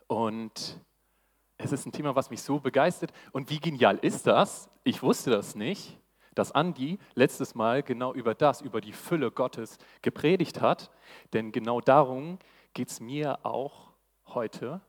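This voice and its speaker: A man's voice: mid-range voice, animated, measured pace, husky. A man preaching a live sermon to a church audience, eager and exclamatory in his delivery. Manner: enthusiastic, exclamatory. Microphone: handheld mic. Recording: long hall reverb.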